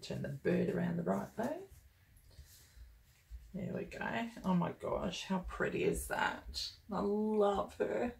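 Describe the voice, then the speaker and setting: A woman's voice: lowish voice, expressive, unhurried, vocal fry, pauses often. A woman talking casually and enthusiastically as she unboxes and reviews a planner kit, gushing over each item. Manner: gushing and enthusiastic, chatty with fillers.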